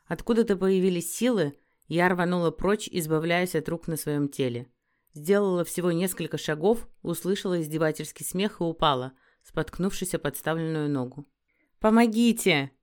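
A woman's voice: low-pitched, moderate pace, a little mellow. A woman narrating a first-person fantasy audiobook in a dramatic, emotive reading.

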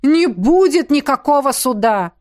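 A woman's voice: sits high, lively intonation, fairly quick, voice pushed up. A woman voicing a stern commanding priestess who speaks curtly and with authority. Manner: curt, authoritative.

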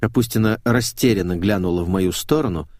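A man narrating an audiobook in the first person, measured and expressive, on a close studio mic. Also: deep voice, no room sound.

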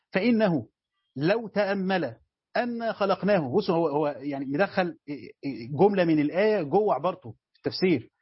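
An Egyptian man teaches a commentary lesson at a brisk pace. His voice sits a little high and sounds husky. The recording is dry and dull. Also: no echo. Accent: Egyptian Arabic. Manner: reads a passage aloud, then explains it with rhetorical questions. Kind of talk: explaining a classical text line by line.

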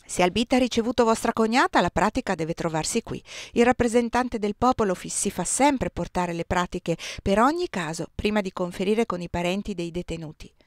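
A woman reading aloud as a courteous young official with a dry, ironic edge, speaking in measured tones a little below her own voice. The sound is close and dry. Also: dry recording, close to an everyday voice. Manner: lower, quieter, measured delivery. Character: polite ironic young man, calm and official.

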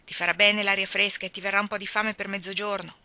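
A woman voicing a cheerful, talkative young housemaid who speaks in a lively, homely and blunt way in a storybook reading. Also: medium pitch, fast talker, no room sound. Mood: chatty, lively.

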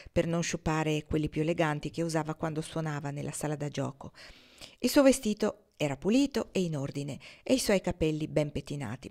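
A woman reads a novel aloud in a slightly low voice. She is expressive and gently acts out each exchange of dialogue. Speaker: audiobook reader. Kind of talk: novel reading.

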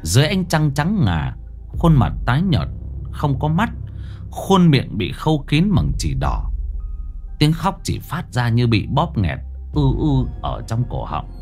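A man's voice: medium pitch, wildly swooping pitch, measured pace, darkish tone. A man narrating a scripted ghost story in a dramatic, suspenseful way. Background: faint background music.

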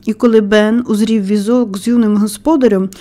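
A woman reading a children's novel aloud as audiobook narrator, with expressive storytelling. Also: mid-range voice, brisk. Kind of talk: scripted narration.

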